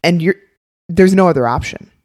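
A woman's voice: on the low side, normal speed, darkish tone, dry recording, clean studio sound. A woman co-hosting a nutrition podcast in casual, ad-lib talk. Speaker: podcast co-host, nutrition educator.

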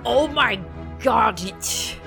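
A woman playing in a tabletop role-playing game, chatting quickly and laughing, now and then slipping into pirate talk. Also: a little high, creaky, over music. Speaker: player. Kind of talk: tabletop role-play banter.

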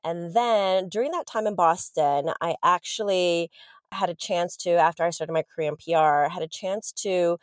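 A woman in her thirties from Southern California, telling her story as a podcast guest in a chatty, animated way. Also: fairly low pitch, normal speed, dry recording, studio quality. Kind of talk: casual interview storytelling.

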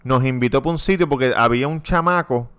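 A man's voice: mid-range voice, fairly quick, clear, resonant tone. A man with a Puerto Rican accent, co-hosting a podcast and telling stories in casual chat, acting out the voices of the people he quotes. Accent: Puerto Rican Spanish. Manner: animated storytelling, acts out quoted voices, laughs often. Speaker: podcast co-host.

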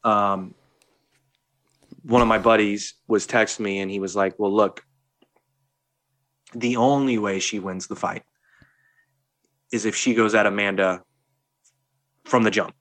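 A man's voice: lowish voice, fairly even intonation, unhurried, pauses often, fairly bright tone. A man co-hosting a podcast, talking casually and rambling with many restarts. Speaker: podcast co-host. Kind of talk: casual chat.

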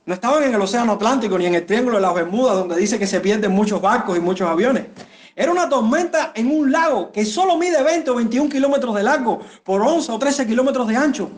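Male pastor, higher-pitched voice, expressive sermon delivery aimed at the congregation. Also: fast talker. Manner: expressive preaching, pitch rising and falling for emphasis; addresses listeners directly.

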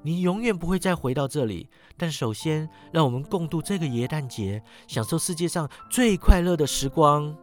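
A man's voice: fairly high pitch, animated, normal speed, few pauses, soft background music, lightly acted. A man voicing a loving little girl who speaks eagerly and tenderly to her older brother, in a told story. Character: sweet little girl, loving younger sister. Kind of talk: storytelling narration.

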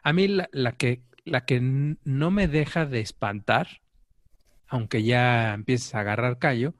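A middle-aged Mexican man tells stories in a relaxed chat and slips into the people he quotes. His voice sits at a middle pitch. The sound is dry and close, with no room echo. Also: measured pace. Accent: Mexican Spanish. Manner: animated storyteller, acts out quoted voices. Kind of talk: casual chat.

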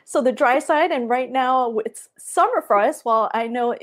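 A woman's voice: high-pitched, normal speed. Friendly giggly woman from Hawaii. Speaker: artist guest. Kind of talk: casual interview answers.

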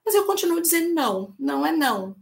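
A woman's voice: sits high, sing-song, quick pace, creaky. A woman from Brazil, speaking firmly and emphatically in a casual discussion. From Northeastern Brazil. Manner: firm and emphatic, blunt statements. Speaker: discussion panelist.

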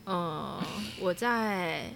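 A woman telling a personal travel story in a casual chat, laughing often and pausing to search for words. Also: fairly low pitch, vocal fry, fairly bright tone, a little hiss or hum.

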